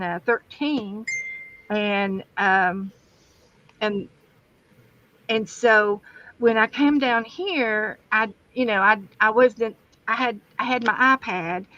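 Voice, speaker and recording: A West Virginian woman, a guest crafter and streamer, tells rambling stories in a casual livestream chat from her home craft room. Her voice is fairly high, slow and a bit bright, with a chatty manner. The livestream camera setup gives a dull, dry sound.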